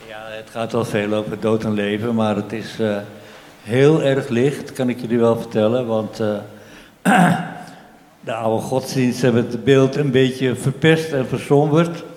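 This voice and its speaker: A man's voice: medium pitch, steady tone, a little slow, a little mellow. A man introducing his poem in a hesitant way, with many fillers, into a handheld microphone in a church. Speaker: poet. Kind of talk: poetry reading. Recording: reverberant church hall.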